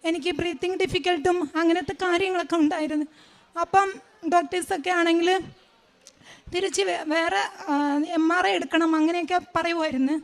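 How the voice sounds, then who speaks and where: A woman tells her own story as a testimony. Her voice sits very high, and she speaks plainly, pausing and restarting her words as she goes. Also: fairly even intonation, creaky. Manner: plain, halting storytelling with self-corrections. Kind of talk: personal testimony.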